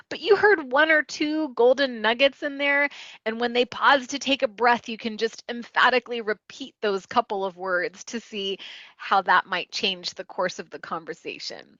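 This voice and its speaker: A woman's voice: on the high side, dry recording, muffled recording. A woman wellness coach giving an instructional talk, explaining a technique step by step and acting out short client quotes. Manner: warm explanatory teaching, acts out client quotes.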